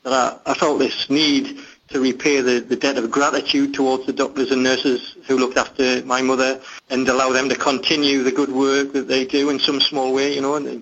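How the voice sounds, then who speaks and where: A man with a Geordie accent from northeast England, an interview guest who tells his running story in an earnest, measured way. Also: mid-range voice, little pitch movement, fairly bright tone, highs cut off. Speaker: interview guest, long-distance runner. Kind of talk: casual interview.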